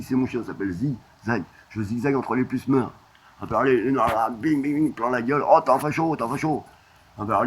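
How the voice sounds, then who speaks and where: A man's voice: medium pitch, slight background noise. A man talking in a rambling, disjointed monologue, crude and full of "hein" fillers, drifting from topic to topic.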